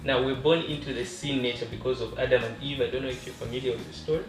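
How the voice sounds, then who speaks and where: Calm guy from zambia explaining stuff, far from the mic, echoey room. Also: medium pitch, quick pace. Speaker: guest. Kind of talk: casual discussion, explaining beliefs. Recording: echoey room, distant voice, faint music.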